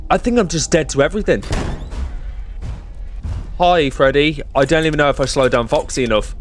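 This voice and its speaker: A man's voice: on the high side, fairly quick, slight background noise. A young man commentating on a horror game, sarcastically chatting to the enemies as he plays. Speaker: gameplay streamer.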